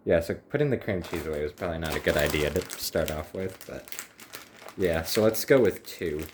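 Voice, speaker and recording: A man's voice: low voice, expressive, fairly quick, a little hiss or hum. A man chatting casually to the camera while cooking in his home kitchen, rambling with wry little asides. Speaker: home cook, channel host.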